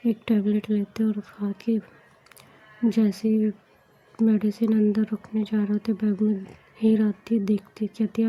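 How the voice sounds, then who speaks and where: A woman narrating a romantic story in a soft, whispered role-play, voicing every character herself. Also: medium pitch, breathy edge, muffled recording.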